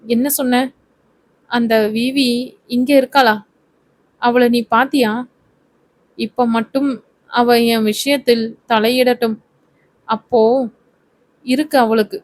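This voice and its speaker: A woman's voice: fairly high pitch, steady tone, takes it slowly, pauses often, dry recording. A woman reading as a cocky young male star. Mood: angry. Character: cocky young male film hero, hot-tempered.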